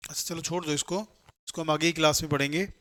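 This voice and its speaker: A man gives a classroom grammar lecture and pitches his voice slightly high. He poses questions to the class and answers them himself, mixing with English terms as he works through each rule. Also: little pitch movement, quick pace, fairly bright tone. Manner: explains step by step, asks and answers his own questions; mixes Hindi with English terms. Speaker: English teacher for competitive exams.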